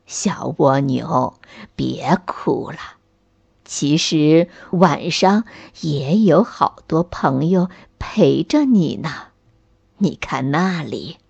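A woman voicing a kind, wise old grandfather tree who speaks slowly and soothingly in a lowered voice. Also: animated, vocal fry, breathy edge, highs cut off, full character voice. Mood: gentle. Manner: slow, low, soothing, laughing warmly.

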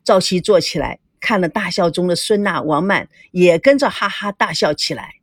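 Animated woman storyteller, dry close sound. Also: lowish voice, normal speed, husky, no room sound. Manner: expressive, animated. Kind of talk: audio drama narration.

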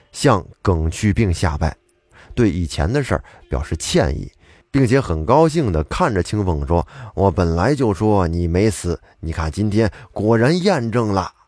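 A man's voice: on the low side, darkish tone, breathy edge, no room sound, studio quality. A man telling an old tale of spirits in a chatty, colloquial way, with asides to the listener. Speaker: storyteller. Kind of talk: casual storytelling of old tales.

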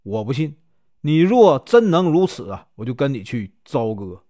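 A man's voice: mid-range voice, big pitch swings, normal speed, warm tone, close to an everyday voice. A man playing Jiang Ziya, an honest, earnest old strategist. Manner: earnest, reasoning.

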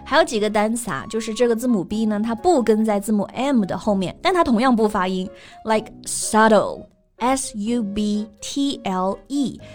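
A woman co-hosting a casual bilingual English lesson, spelling words letter by letter and slowing down on English examples. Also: fairly high pitch, animated, faint music behind. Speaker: co-host of an English lesson podcast.

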